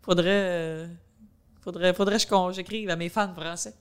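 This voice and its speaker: A woman's voice: on the low side, fairly even intonation, normal speed, smooth. A woman in her thirties with a rural Quebec French accent, a comedian chatting loosely as a podcast guest, full of fillers. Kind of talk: casual chat.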